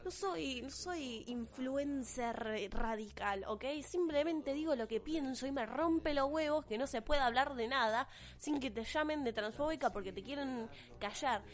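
High-voiced profane Argentine teen girl. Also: measured pace. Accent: Argentine Spanish. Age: teens. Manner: blunt, profane, sarcastic ranting. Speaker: vlogger. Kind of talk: opinion rant to camera.

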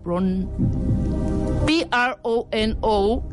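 A woman's voice: on the high side, expressive, drawn-out words, music in the background. Joking Mexican woman spelling aloud. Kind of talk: casual chat, playful spelling quiz.

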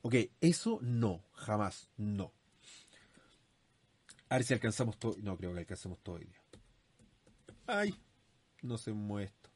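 A man's voice: fairly low pitch, sing-song, unhurried, long pauses, darkish tone, husky. A man hosting a podcast, giving casual sales advice in a chatty way with many fillers and asides. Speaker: podcast host.

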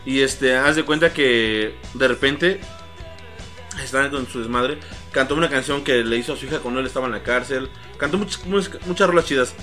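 Bright-voiced young Mexican man. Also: medium pitch, moderate pace, soft background music. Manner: slangy, enthusiastic storytelling. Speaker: podcast co-host. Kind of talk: casual chat.

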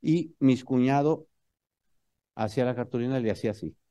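A man with a Mexican accent telling a humorous story to an audience in an animated, motivational speaking style. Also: mid-range voice, brisk, clean tone, no room sound.

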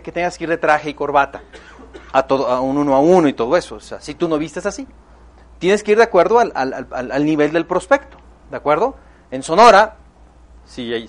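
A man with a Mexican accent giving an emphatic motivational seminar talk, addressing the audience directly. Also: on the high side. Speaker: motivational speaker.

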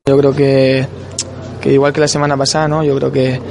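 A man, a football player, giving a quick post-match interview, often starting with "yo creo que". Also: mid-range voice, little pitch movement, gravelly. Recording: noisy mixed zone, background chatter.

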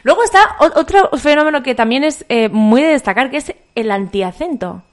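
A woman's voice: high voice, animated, normal speed. A woman, co-hosting a casual chat, laughing often as she talks. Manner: laughs often, chatty and warm-humored.

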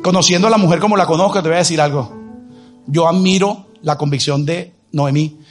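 A man's voice: fairly high pitch, brisk, faint music behind. A male pastor preaching a sermon, emphatic, full of rhetorical questions and exclamations. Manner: married.

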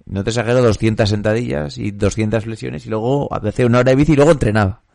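A man from hosting a casual podcast chat, brisk and leading the talk. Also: medium pitch, fairly even intonation, gravelly, a little mellow, no echo, studio quality. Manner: quick, brisk, wraps up the show. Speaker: podcast host.

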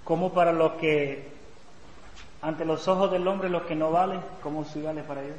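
A man's voice: fairly high pitch, fairly even intonation, normal speed, a little mellow. A man teaching a parish Bible class, explaining by repeating key phrases and acting out the dialogue he quotes. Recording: echoey hall, faint background noise.

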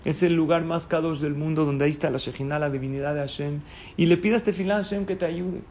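A man's voice: fairly high pitch, fast, darkish tone, slight background noise, natural voice. A man voicing a wise older rabbi who gives firm, emphatic counsel.

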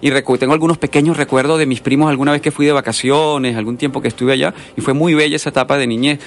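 A man's voice: mid-range voice, fairly even intonation, fast talker. A man from Colombia, a guest artist in a radio interview who tells long stories full of asides. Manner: storytelling, rambling with asides. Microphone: studio microphone.

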